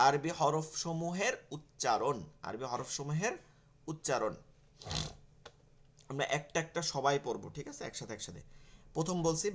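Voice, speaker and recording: Male teacher, fairly high voice, patient step-by-step lecturing for an online class. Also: a bit bright. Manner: explanatory, repeats key terms, asks and answers own questions. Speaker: Quran teacher.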